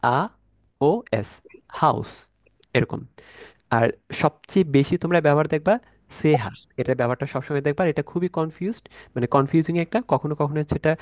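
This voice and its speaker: A man teaching an online class from slides, slowly spelling out letters and sounds in a casual way, thinking aloud with fillers as he goes. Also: mid-range voice, darkish tone, dry recording. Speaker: German language teacher.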